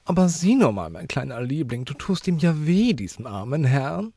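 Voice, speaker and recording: A man voicing a prim, prissy widow lady in a high, affected, preachy voice in a storybook reading. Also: sing-song, normal speed, mellow, slightly rough, dry recording, studio quality.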